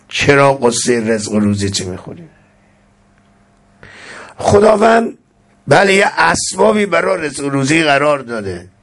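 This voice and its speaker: A man giving a sermon. He recites Arabic verses slowly, then explains them in everyday speech with emphatic rising exclamations. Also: medium pitch. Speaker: preacher.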